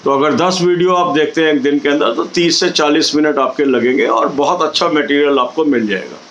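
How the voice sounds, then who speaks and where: A middle-aged man speaks in a slightly raised register. He coaches exam candidates with steady, instructive advice aimed straight at his viewers. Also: on the high side, fairly quick, highs cut off.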